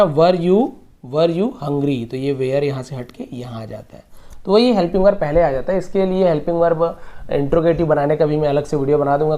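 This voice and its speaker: A man teaching English grammar, patiently repeating each example slowly word by word. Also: a little high, a little mellow. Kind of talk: explaining grammar lesson.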